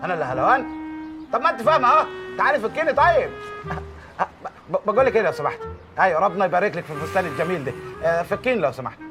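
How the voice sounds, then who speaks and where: A man's voice: high-pitched, animated, racing, over music. An actor with an Egyptian accent playing a brash, hapless young man who pleads, wheedles and curses in a comedy series. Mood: frantic. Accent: Egyptian Arabic. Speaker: comic lead in a TV series.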